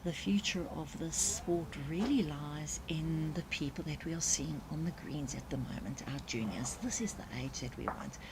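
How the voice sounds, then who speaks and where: A South African woman provides live sports commentary in a low-pitched voice. Noticeable ambient noise from the live event surrounds her as she talks. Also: normal speed, few pauses. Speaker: commentator and club marketing organiser.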